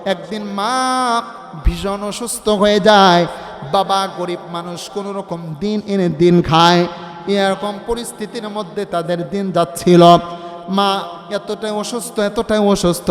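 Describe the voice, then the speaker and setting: A male preacher with a Bangladeshi Bengali accent giving a waz sermon, moving from soft talk into loud sung chanting. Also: high-pitched, measured pace. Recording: long hall reverb with faint music.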